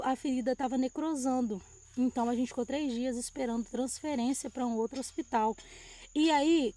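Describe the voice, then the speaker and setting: A woman's voice: sits high, dark tone, no room sound. A middle-aged woman from Brazil, hosting and telling a personal story to her viewers with emotion and lots of diminutives. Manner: emotional, uses many diminutives. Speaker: host. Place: outdoors, dogs and sky in view.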